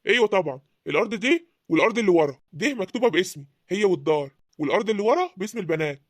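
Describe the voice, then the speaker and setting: A woman voicing a boastful young village man in an animated drama, with an Egyptian accent. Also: mid-range voice, very fast, no room sound, lightly acted. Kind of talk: cartoon voice acting.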